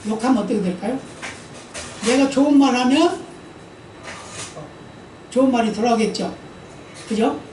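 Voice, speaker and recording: Speaking at a normal pace with long pauses, a woman pastor gives a conversational sermon in the church sanctuary. She asks the congregation for amens and voices the quoted speech in her stories. Her mellow, fairly high voice comes from afar in the roomy hall, with a slight hiss or hum.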